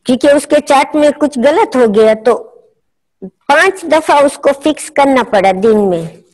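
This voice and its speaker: Middle-aged woman, doctor, spiritual health talk, slow pace, higher voice, video call. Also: expressive, a little mellow, low-quality recording.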